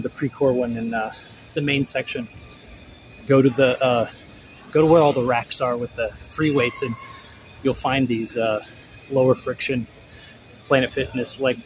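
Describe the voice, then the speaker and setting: A man working as a fitness trainer, out of breath and talking in a halting, rambling way with many restarts. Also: mid-range voice. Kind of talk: casual gym vlog. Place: gym. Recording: noisy gym background.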